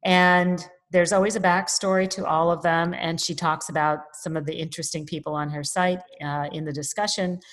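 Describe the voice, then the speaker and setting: A woman hosting a podcast interview, introducing her guest in an upbeat, effusive way. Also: fairly low pitch. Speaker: podcast host.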